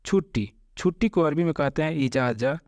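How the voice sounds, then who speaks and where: A man teaching a spoken Arabic lesson. He says each phrase twice, slowly, then explains it word by word. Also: fairly high pitch, lively intonation, a little mellow, dry recording. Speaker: language teacher.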